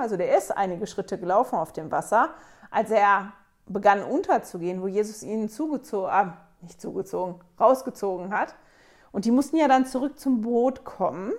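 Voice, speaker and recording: A woman hosting a casual scripture study, thinking aloud and retelling a story conversationally. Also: medium pitch. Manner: conversational, wonders aloud, acts out quotes. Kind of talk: casual Bible study talk.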